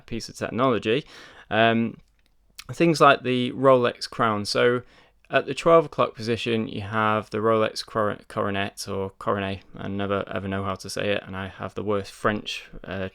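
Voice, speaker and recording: A British man chats casually to camera while reviewing a watch, his talk full of ums and repeated words. His voice is fairly low, creaky, and a bit bright, with a clean tone.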